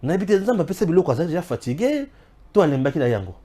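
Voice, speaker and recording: A man from Congo giving impassioned political commentary, preachy and emphatic, swinging between loud exclamations and low asides. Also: very animated, racing. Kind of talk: impassioned political talk mixing French and Lingala.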